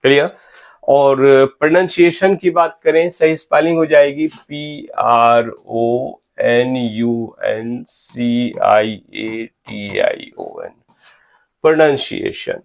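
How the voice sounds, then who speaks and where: A man teaching English spelling, slowly spelling out words letter by letter and checking in with his students. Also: mid-range voice, animated, gravelly. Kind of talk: spelling lecture in Hindi mixed with English.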